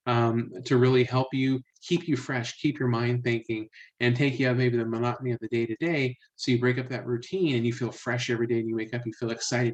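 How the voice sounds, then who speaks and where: A man's voice: mid-range voice, rough recording. A man talking about study programs in an encouraging way, with many fillers. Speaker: university presenter. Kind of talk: promotional talk to camera.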